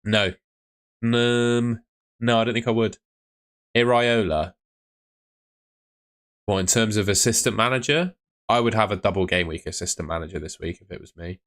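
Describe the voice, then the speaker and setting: A young fantasy football streamer, losing his voice, answers viewer questions from his room at home in a blunt, chatty way. His voice is lowish and fairly bright, moving at a moderate pace with long pauses.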